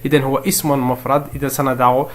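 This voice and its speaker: A man with a mid-range voice and a level tone teaches French spelling in another language. He breaks it down step by step, answers his own questions, and dictates examples at a slow pace.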